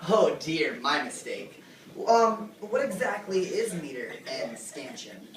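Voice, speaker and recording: Heavily acted and taking her time, a teenage girl plays an ostentatious talk-show host who gushes over guests. Her low voice moves through big pitch swings in this amateur skit, recorded with a distant mic in an echoey room carrying faint noise.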